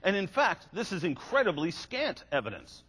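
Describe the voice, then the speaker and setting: A man's voice: sits high, huge pitch swings, normal speed, a bit bright, slightly rough. Wry older man lecturing in an echoey hall. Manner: wry, sarcastic asides. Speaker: creationist seminar speaker. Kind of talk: lecture to a live audience. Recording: echoey hall, faint music.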